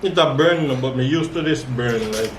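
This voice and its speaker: A man's voice: mid-range voice, moderate pace. A man with a Caribbean accent bantering casually during a food challenge, teasing and boastful. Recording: roomy, distant mic, faint background noise.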